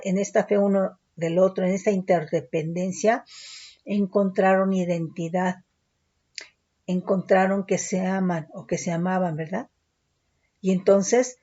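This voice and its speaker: A woman's voice: medium pitch, dark tone, lo-fi sound. A woman preaching a sermon, teaching scripture and often checking in with the congregation. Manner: teaching, frequent tag questions.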